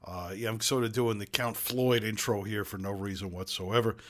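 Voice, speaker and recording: A man's voice: fairly low pitch, steady tone, moderate pace. A middle-aged man with a Brooklyn accent hosting a podcast in casual chat. He is self-deprecating and fills his talk with "uh", often chuckling. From Brooklyn, New York. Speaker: podcast host.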